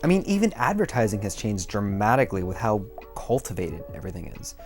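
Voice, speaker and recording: A young man with a slightly low voice presents a video essay while audibly drunk and getting drunker. His delivery is casual and rambling, full of swearing and self-deprecation. Faint music plays behind him. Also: sing-song, quick pace, gravelly. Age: young adult.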